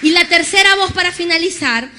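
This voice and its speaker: A woman pastor preaching an animated sermon, acting out conversations and having the congregation repeat after her. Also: very high-pitched, brisk, background noise. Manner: animated storytelling, acts out dialogue with God.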